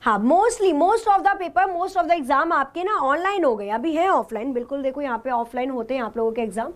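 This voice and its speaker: Speaking at a normal pace in a high voice, a woman teaches a live class online, raising questions and supplying the answers herself, with English terms woven into her talk.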